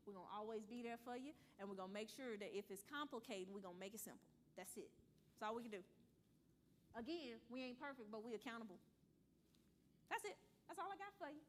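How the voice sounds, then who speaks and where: A fairly high-voiced woman leads a money seminar in front of a live audience. She talks in a lively, conversational way, acting out short back-and-forth dialogues and answering questions. A light hiss sits under the recording. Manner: animated, conversational, acts out dialogue, laughs. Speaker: financial educator presenting at a church seminar.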